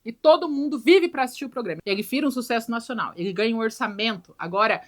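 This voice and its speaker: A woman, recapping a film in a joking, animated way and acting out the quotes. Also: on the high side, quick pace. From Brazil. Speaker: film commentator.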